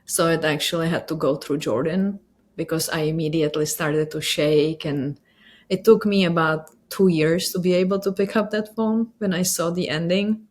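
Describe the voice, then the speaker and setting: A woman in her thirties from the Czech Republic with a Czech accent, telling her story slowly with many pauses and fillers. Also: sits low, fairly even intonation, darkish tone. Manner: hesitant, many fillers, reflective. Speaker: patient sharing her story. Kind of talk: personal testimony interview.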